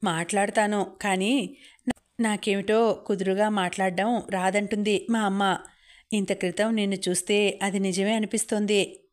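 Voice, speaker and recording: This is a playful, talkative young woman who likes to tease her friend, voiced by a female audiobook reader. She chats lightly in an even, level voice with a middling pitch. It is read as one character in a narrated story. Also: normal speed, lightly acted. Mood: teasing. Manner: playful, chatty.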